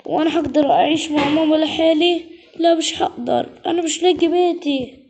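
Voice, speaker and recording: A woman's voice: sits high, fairly quick, a little mellow. A woman telling a story in the first person, voicing its heroine in a frantic, panicky way.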